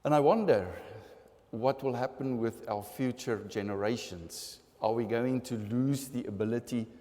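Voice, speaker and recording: A man preaching a sermon as pastor, earnest and unhurried, with light humorous asides. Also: medium pitch, dark tone. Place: large church sanctuary. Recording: long church reverb.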